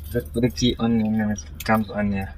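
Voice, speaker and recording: A man's voice: lowish voice, little pitch movement, fairly quick, darkish tone, slight background noise, poor audio. A man explaining his car build in a casual interview, talking in stops and restarts with many fillers and technical terms.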